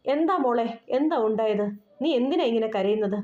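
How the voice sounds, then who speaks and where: A woman's voice: fairly high pitch, lively intonation, brisk, lightly acted. A woman voicing an anxious middle-aged mother who coaxes and questions, in an audio novel. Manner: anxious, coaxing. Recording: roomy dull recording with soft music.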